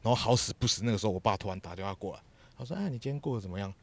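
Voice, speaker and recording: A man's voice: lowish voice, very fast, gravelly. A man from Taichung with a Taiwanese Mandarin accent, bluntly ranting about old work stories in a casual chat, swearing often. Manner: swears a lot, blunt and excitable. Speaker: podcast co-host, former TV production assistant.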